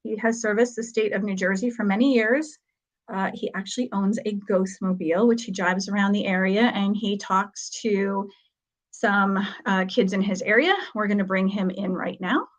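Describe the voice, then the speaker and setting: A woman's voice: medium pitch, fairly even intonation, moderate pace, rough recording. Female podcast co-host, casual conversational delivery, mid-range voice. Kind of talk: casual chat show hosting.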